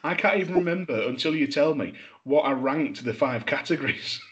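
A man's voice: a little high, expressive, a little fast. A man co-hosting a podcast, chatting casually in a sweary, self-deprecating way. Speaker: podcast co-host. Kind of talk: casual chat. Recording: dull lo-fi microphone.

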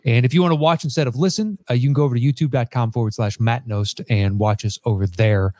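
A man's voice: mid-range voice, fast talker, a little mellow, dry recording. Easygoing male podcast host, dry sound. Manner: easygoing, frequent fillers while introducing guests. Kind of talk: casual podcast hosting.

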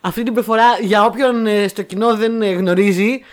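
A woman co-hosting a casual podcast, chatting about films in an animated, sarcastic way and acting out lines she quotes. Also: medium pitch. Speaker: podcast co-host. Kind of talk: casual chat reviewing films.

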